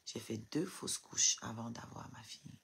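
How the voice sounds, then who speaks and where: A woman's voice: extremely low pitch, moderate pace, vocal fry, fairly bright tone, slight background noise. A woman crying as she talks on a live stream into her phone, firing defiant rhetorical questions at her viewers. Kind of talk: emotional live stream rant.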